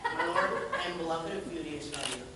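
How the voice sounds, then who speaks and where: A man's voice: a little high, a little fast, noisy background, lightly acted. A man playing an earnest young lover in a stage play, reciting his verse from far off in an echoey hall.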